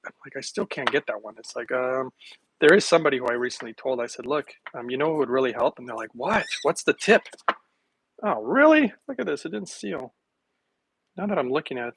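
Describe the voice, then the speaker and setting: Very noisy audio captures a middle-aged man of medium pitch, a wellness vlogger, who blends a smoothie at home while talking casually to his livestream audience. He drifts from thought to thought as he goes.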